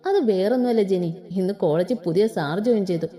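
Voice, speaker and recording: A woman's voice: mid-range voice, brisk, dark tone, voice pushed down, close to an everyday voice. Woman voicing a chatty college friend. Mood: amused.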